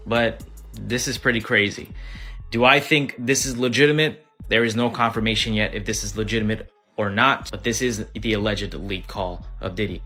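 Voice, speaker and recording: A man's voice: fairly low pitch, sharp tone. A man giving casual reaction commentary, speaking directly to an audience.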